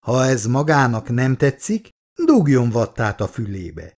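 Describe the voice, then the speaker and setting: A man voicing a brusque grown son who talks in a blunt, gruff manner. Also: mid-range voice, animated, a little mellow.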